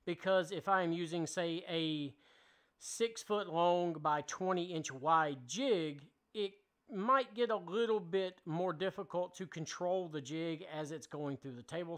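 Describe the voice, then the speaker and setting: A man in his thirties talks through a woodworking tutorial in a casual, plainspoken way, with a slightly raised pitch for his sex. He explains each step as he goes, from inside his home workshop. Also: a bit bright. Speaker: woodworking channel host. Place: home woodworking shop, indoors.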